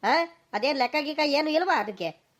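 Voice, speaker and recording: A woman's voice: sits high, lively intonation, moderate pace, pitched above the performer's own voice. Woman voicing a stern suspicious village father. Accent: rural Karnataka Kannada. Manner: scolding, demanding questions.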